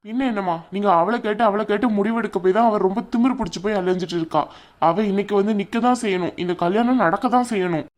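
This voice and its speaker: A woman voicing a hot-tempered young man, an elder brother in a cartoon, gruff and impatient. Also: medium pitch, fast talker, natural voice. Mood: scolding. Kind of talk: cartoon voice acting.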